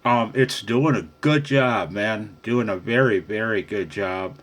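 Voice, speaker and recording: An American man speaks slowly in a fairly low voice during a casual ham radio chat, which he films on a handheld phone for his channel. He is friendly and chuckles often, saying "man" frequently.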